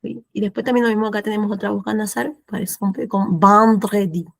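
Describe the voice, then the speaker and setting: A woman's steady, mid-range voice with vocal fry explains French pronunciation in a classroom, speaking Argentine-accented Spanish to adult learners. She's patient, says words slowly more than once, and keeps asking "¿sí?"; the recording is dry.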